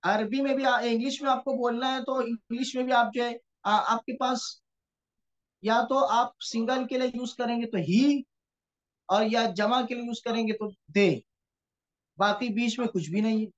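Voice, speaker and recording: With a very high yet steady voice, a Quranic Arabic teacher takes his time through an online grammar lecture. The video-call audio from his computer mic is dull and lo-fi, and he is patient, checking in with students regularly.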